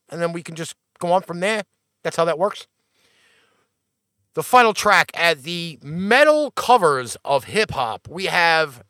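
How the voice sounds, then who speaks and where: A man's voice: high-pitched, pushed and bright, dry recording, clean studio sound. A man hosting a music show, introducing tracks in a brash, blunt and playfully defiant way as he hypes up the audience.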